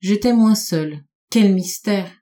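Mellow-voiced woman reading a literary tale. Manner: measured, slows and lowers her voice on dark repeated phrases. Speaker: audiobook reader. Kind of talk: literary audiobook narration.

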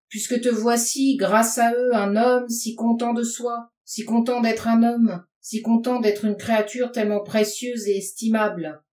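Une femme lisant à voix haute prête sa voix à un jeune homme furieux et amer, dont la tirade méprisante est lancée en criant. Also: female voice, high voice, pitched above the performer's own voice. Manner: shouting, scornful tirade. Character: furious, bitter young man raging against mankind. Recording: roomy sound from a distance.

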